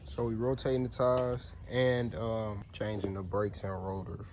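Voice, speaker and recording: A DIY car repair vlogger with a fairly low voice talks a little slowly while working on a truck outdoors, casually narrating how-to steps and pointing things out. It's a noisy phone-camera recording.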